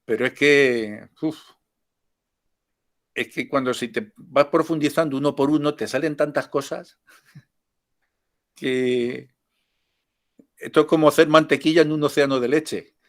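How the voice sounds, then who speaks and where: A man's voice: on the high side, fairly even intonation, measured pace, pauses often. Older Spanish man giving a jokey spiritual talk. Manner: chatty, jokey, with frequent laughs and asides. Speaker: spiritual teacher.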